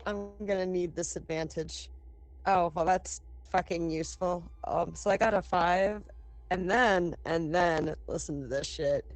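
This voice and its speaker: A woman playing a tabletop game, chatting casually and excitably, with casual swearing. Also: on the low side, measured pace, slight background noise. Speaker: player.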